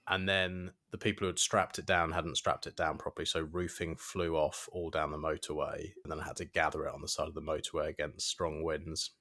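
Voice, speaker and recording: A deep-voiced man in casual podcast chat. He tells his stories with a lively, exasperated energy, swearing for emphasis and breaking into laughter. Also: brisk, hardly any pauses. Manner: animated storyteller, swears for emphasis, laughs often. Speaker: podcast co-host.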